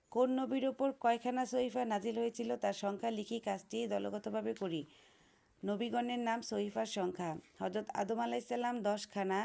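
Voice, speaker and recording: A Bangladeshi woman teacher reads through workbook answers aloud, ticking off each item in a steady, drilled rhythm. Her voice is heavily gravelly with strong fry, and she keeps her pitch almost flat from item to item. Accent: Bangladeshi Bengali. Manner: steady drilled listing, letter by letter. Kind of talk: reading textbook answers aloud, recitation.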